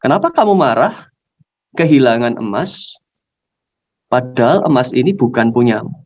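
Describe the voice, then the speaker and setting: A man's voice: mid-range voice, darkish tone, lightly acted. A man voicing a scheming father who is a master thief, coaxing and persuasive, on a dull lo-fi sermon recording. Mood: probing.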